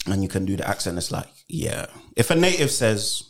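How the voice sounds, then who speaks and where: A man, an actor, chatting casually on a podcast in a relaxed way, full of "you know" and "man". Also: on the low side, brisk. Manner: relaxed, laid-back, many fillers like "you know" and "man". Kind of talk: casual chat.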